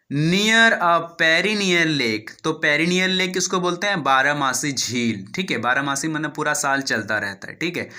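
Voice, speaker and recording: A man with an Indian accent reads an English story one phrase at a time, spells out words letter by letter and quizzes himself on the meanings. His voice is very bright and sits a little high for a man. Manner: explains slowly, asks and answers his own questions. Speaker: English teacher. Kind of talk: line-by-line reading and translation lesson.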